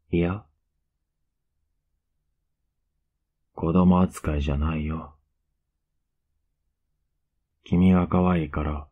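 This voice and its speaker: Very deep, husky younger boyfriend, ASMR role-play, acted by a man, lilt. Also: full character voice. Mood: coaxing, doting. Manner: soft, intimate, coaxing murmur. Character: tender, teasing, clingy younger boyfriend cuddling in bed.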